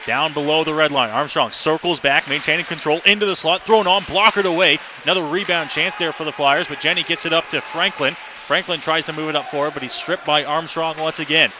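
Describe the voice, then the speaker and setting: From a live broadcast position at an ice rink, a play-by-play man gives radio coverage of a hockey game in short, rapid-fire phrases. He sounds fairly high-pitched, speaks a little fast with few pauses, and the arena broadcast is noisy.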